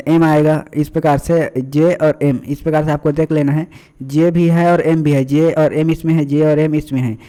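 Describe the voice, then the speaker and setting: A man's voice: on the high side, mellow. A man explaining exam answers as a tutor. He addresses viewers as friends and uses many fillers and repetitions.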